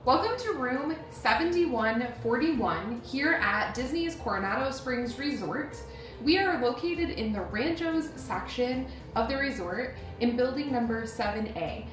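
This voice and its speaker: A woman's voice: a little high, lively intonation, a little slow, echoey room, faint music behind. A woman hosting a travel vlog, chatting in an upbeat way and giving a descriptive room tour. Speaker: vlog host.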